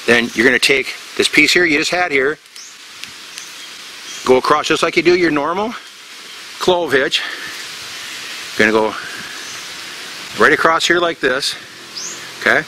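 Man, middle-aged, very bright tone, somewhat high voice, outdoors, faint forest ambience. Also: lively intonation, a little slow, pauses often, a little hiss or hum. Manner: plain, step-by-step, repeats himself with fillers. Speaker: bushcraft instructor. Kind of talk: casual outdoor knot demonstration.

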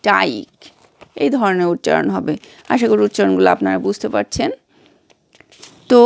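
Gravelly-voiced woman teaching pronunciation. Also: medium pitch, darkish tone, no echo, studio quality. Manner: spells words letter by letter then says them. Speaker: channel host and English teacher. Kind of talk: slow spelled-out pronunciation lesson.

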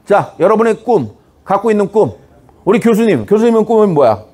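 A middle-aged comedy writer, a man, giving a humorous lecture to high school students. He is teasing and punchy, keeps asking "어?" for a reaction, and breaks into shouted examples. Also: big pitch swings, a little fast.

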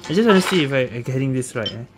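With game music behind her, a woman who streams games chats casually about her play, repeating herself as she thinks aloud. She has a bass voice and sounds animated, speaking very fast.

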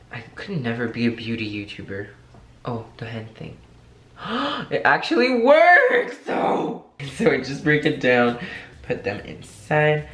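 A man's voice: mid-range voice, gravelly, heavy background noise. A young man from France, chatting playfully and joking at himself while demonstrating recipes in his home kitchen. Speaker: cooking vlogger. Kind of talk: casual cooking demonstration. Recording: echoey kitchen with clattering dishes.

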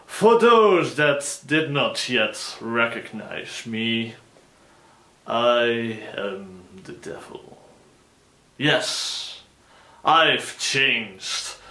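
Man doing a slow, pompous demon lord, bright tense voice, roomy echo; sketch villain. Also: medium pitch, full character voice. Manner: pompous, dramatic proclamations. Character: grandiose theatrical male demon, ex-puppet.

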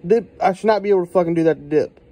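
A man records a casual handheld review at his desk. His voice sits a little high for a man and has a soft, mellow tone. He talks bluntly and profanely, sounding exasperated. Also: rapid-fire. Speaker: product reviewer. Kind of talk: casual handheld video rant. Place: indoors at a desk. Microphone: handheld phone.

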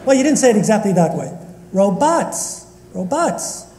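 A man's voice: high-pitched, big pitch swings, very fast, dark tone. Man, rabbi, sermon, humorous, from northeast philadelphia, long hall reverb. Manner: humorous, bantering with the congregation. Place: synagogue sanctuary.

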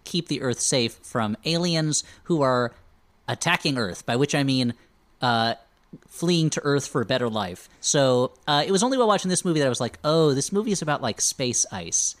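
A man's voice: mid-range voice, expressive, normal speed, a bit bright. A man hosting a comedy podcast, recapping a movie with wry, jokey asides. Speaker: podcast host.

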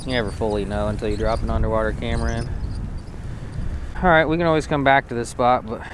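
This fishing channel host speaks fast with a medium pitch and fairly even intonation, narrating his outdoor vlog on a frozen lake in a relaxed, joking, talkative way. He's recorded on a body-mounted action camera, and background noise comes through.

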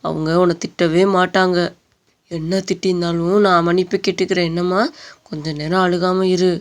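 Woman voicing a gentle young cartoon husband. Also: on the low side, flat delivery, normal speed, close to an everyday voice. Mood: soothing. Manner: soothing, coaxing. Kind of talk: animated story dub.

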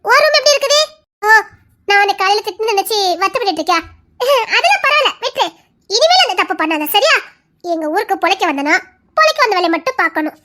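A woman voicing a shrill, panicked young woman. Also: big pitch swings, fast, bright, forceful tone, exaggerated voice. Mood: chatty. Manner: pleading, stammering, nervous laughter. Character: young woman, frightened but defiant. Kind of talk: Tamil audio drama acting.

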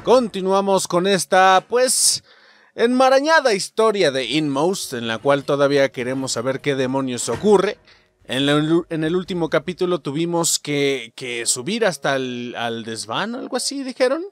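A man with a Mexican accent commentating a video game as host, excitable and swearing, shouting at the game. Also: on the high side, normal speed. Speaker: gaming channel host. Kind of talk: let's play commentary.

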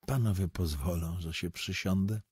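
A man voicing a mysterious, low-voiced foreign gentleman who speaks with slow, insinuating courtesy in an audiobook. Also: husky, no room sound, clean studio sound. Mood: courteous, wondering.

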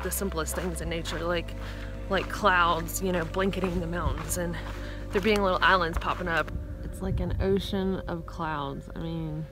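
A young woman talking casually to her phone camera while hiking a mountain trail, relaxed and chatty with plenty of fillers. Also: fairly low pitch. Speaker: thru-hiker vlogger. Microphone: phone held at arm's length. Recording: noisy outdoor phone recording.

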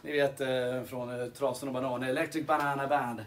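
A man's voice: mid-range voice, flat delivery. Hesitant man hosting a live sing-along. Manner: hesitant, many fillers and restarts. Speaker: sing-along host and guitarist. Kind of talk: casual live-stream chat. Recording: guitar playing behind voice. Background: guitar music.

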